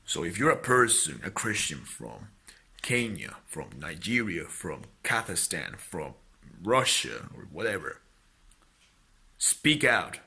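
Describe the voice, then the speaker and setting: A young man from Spain with an American accent, earnestly recounting dreams and exhorting listeners, halting at times before rising into fervent blessings. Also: sits low, big pitch swings, creaky, sharp tone, slightly rough. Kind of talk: personal testimony and exhortation.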